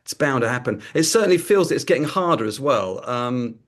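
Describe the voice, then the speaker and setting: A man's voice: medium pitch, lively intonation, fairly quick. A man interviewing in a conversational way, affirming and tentative, circling around his questions.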